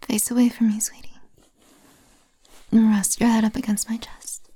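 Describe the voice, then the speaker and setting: A woman speaking in a soft, breathy whisper close to the microphone, in a slow, intimate roleplay. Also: fairly high pitch, flat delivery, no room sound.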